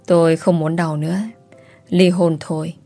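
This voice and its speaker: A woman narrating a first-person audio story in a sorrowful, measured way. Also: on the low side, level tone, warm tone, dry recording, faint music behind.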